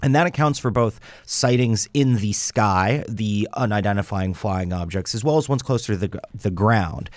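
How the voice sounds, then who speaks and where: A man presenting a mock report in a deadpan comedic radio bit, hesitating and restarting as he reads from his notes. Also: fairly low pitch, normal speed, hardly any pauses, no room sound. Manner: hesitant, full of ums and restarts, reading from notes.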